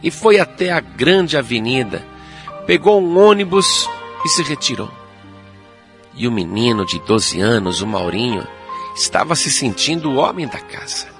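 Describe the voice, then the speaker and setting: A man telling a children's story with dramatic, expressive delivery. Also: mid-range voice, normal speed. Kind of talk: storytelling narration. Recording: loud music and rain behind.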